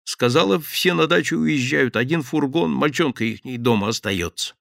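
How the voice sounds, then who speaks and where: A man's voice: medium pitch, moderate pace, creaky, a bit bright, no room sound, studio quality. Man putting on a terrified babbling thief. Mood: pleading. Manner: frantic, babbling, begging. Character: terrified pleading petty thief, adult man.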